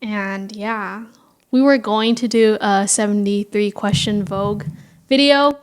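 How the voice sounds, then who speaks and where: A young woman co-hosting a casual home podcast, relaxed and slangy, laughing often into a close mic. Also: medium pitch, a little slow. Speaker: podcast co-host. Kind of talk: casual chat. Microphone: close podcast mic without shock mount.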